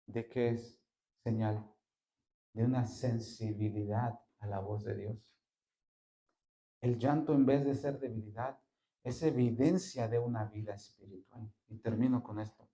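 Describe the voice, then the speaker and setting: Male pastor delivering a sermon; mid-range voice, sudden loud rises, slowed emphatic phrasing, rhetorical questions to the congregation. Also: mid-range voice. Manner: asks the listener rhetorical questions.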